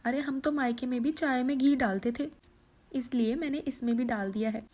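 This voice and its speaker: A woman's voice: sits high, moderate pace. A woman voicing a cheerful, careless young daughter-in-law in a cartoon story. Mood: chirpy. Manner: bright, chirpy, excuse-making.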